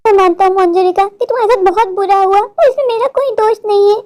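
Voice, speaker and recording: A woman's voice: extremely high pitch, fast talker, darkish tone. A woman voicing a frightened, tired male office worker in a cartoon, anxious and pleading, short-tempered with his wife.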